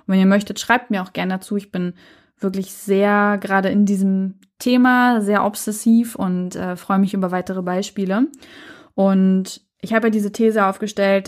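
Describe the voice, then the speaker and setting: This German podcaster from Saxony-Anhalt reflects on her own, her mid-range, darkish voice fairly even in intonation and a little slow. She comes across as earnest and thoughtful, stumbling into frequent hesitations.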